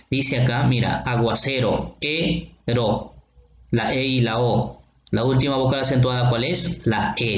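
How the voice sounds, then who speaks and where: Patient male teacher in a roomy space. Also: mid-range voice. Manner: patient, checks in with listeners often; spells out words slowly syllable by syllable. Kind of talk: recorded lesson explaining poetry. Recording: roomy, dull lo-fi sound with faint ambience.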